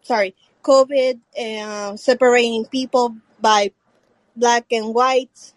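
A woman calls in with a Puerto Rican accent and a fairly high voice. Her native language is Spanish, so her English is careful and halting, with slow searches for the right word. The sound is close and dry. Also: fairly even intonation, dry recording, poor audio. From Puerto Rico. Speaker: caller. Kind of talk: casual call-in talk.

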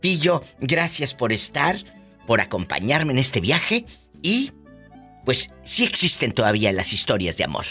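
A Mexican woman hosts a gossip show with a theatrical, teasing delivery. Her pitch swings widely as she talks, and she sounds quick to react. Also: big pitch swings, a bit bright, breathy edge, soft background music. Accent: Mexican Spanish. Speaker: podcast host.

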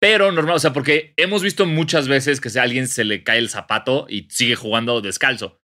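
Young mexican guy chatting on a podcast, bright sharp voice, animated and slangy. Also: mid-range voice, a little fast. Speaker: podcast co-host. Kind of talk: casual chat.

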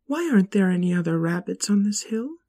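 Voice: mid-range voice, expressive, fairly quick, no echo, pitched above the performer's own voice. Rolla Rabbit, a narrator doing a brave young bunny. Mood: earnest. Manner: bright, eager, earnest.

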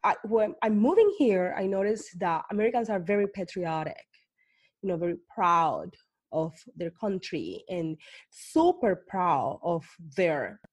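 A woman host with a fairly low voice. She leads the conversation with earnest, probing questions and often pauses on "you know" and "um.". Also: lively intonation, darkish tone, slightly rough. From Colombia. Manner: earnest, searching questions with many fillers. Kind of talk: conversational interview.

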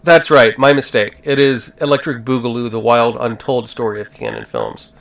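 Male podcast host, mid-pitched with vocal fry, casual and halting. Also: animated, a bit bright. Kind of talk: casual film discussion.

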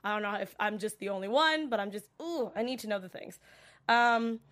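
A woman's voice: medium pitch, lively intonation, a little fast, a bit bright. A woman getting over a cold, chatting casually and rambling with many fillers as she reacts to a show and reads viewer comments. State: recovering from a cold, coughing. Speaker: livestream show recap host.

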